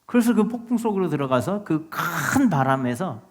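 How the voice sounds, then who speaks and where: A male pastor preaching a sermon, speaking conversationally and asking the congregation questions, then rising to loud exhortation. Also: on the high side, big pitch swings, moderate pace. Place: church sanctuary.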